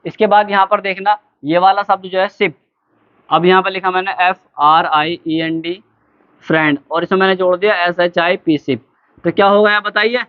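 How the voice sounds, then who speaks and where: High-voiced man teaching grammar, tinny sound. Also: fairly even intonation, clear, resonant tone. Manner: addresses students as beta, asks and answers own questions; spells words letter by letter slowly. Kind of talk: classroom lesson. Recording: tinny phone-like lo-fi recording.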